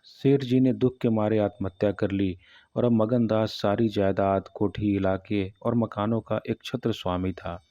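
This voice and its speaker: A man narrating a classic short story in a steady, measured reading. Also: fairly low pitch, dry recording. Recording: dull, muffled audio.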